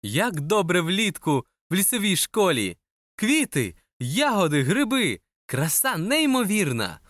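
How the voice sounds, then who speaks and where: A woman narrating a children's story in an expressive way, speaking directly to the child listening. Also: lowish voice, unhurried, no room sound, clean studio sound.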